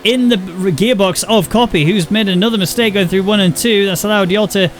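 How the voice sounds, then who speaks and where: A man's voice: high voice, fairly quick. A man giving play-by-play on an online racing league with a co-host. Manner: steady play-by-play, relaxed chatter between calls. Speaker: co-commentator. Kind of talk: live sim racing commentary.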